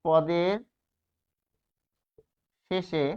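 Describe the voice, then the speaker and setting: A man's voice: a little high, flat delivery, drawn-out words, smooth. Man teaching grammar in a lo-fi recording. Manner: explains step by step, asks and answers his own questions. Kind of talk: grammar lesson at a whiteboard. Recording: slightly dull, lo-fi sound.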